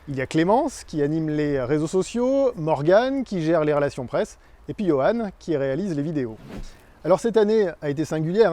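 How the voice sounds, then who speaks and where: Guy doing a company yearly recap, kinda high mellow voice, hesitates a bit, chatty. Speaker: communications agency presenter. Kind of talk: corporate year-in-review presentation.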